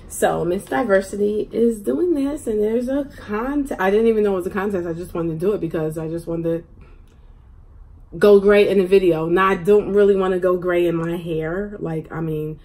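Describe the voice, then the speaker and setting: A woman's voice: mid-range voice, normal speed, a little mellow, poor audio. Chatty woman vlogging while she eats. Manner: chatty, rambling, many fillers. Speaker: mukbang vlogger. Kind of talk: casual chat to camera while eating. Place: at home.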